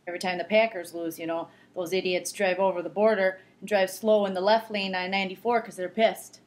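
A middle-aged woman with a Minnesota accent playing a chatty, opinionated Minnesotan in a casual comedy sketch, folksy and deadpan. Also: mid-range voice, lightly acted. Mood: annoyed. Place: rooms at home, indoors.

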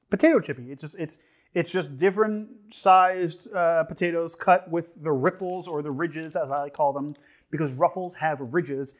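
A young man giving a casual, humorous food review on camera, rambling and halting, repeating phrases and tossing in joking asides. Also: on the high side. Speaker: snack reviewer. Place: indoor studio set with dark curtain backdrop. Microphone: lapel mic.

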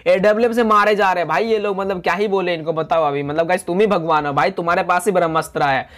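Young male gaming commentator, high-pitched and excitable, chatty voice-over with dramatic complaints. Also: quick pace. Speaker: gaming YouTuber.

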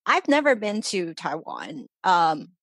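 A woman's voice: fairly low pitch, very animated, slow pace, fairly bright tone, dry recording. A woman who grew up in Los Angeles, a life coach talking in a casual interview with upbeat, earnest motivation. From born in China, grew up in Los Angeles. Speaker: life coach, podcast guest.

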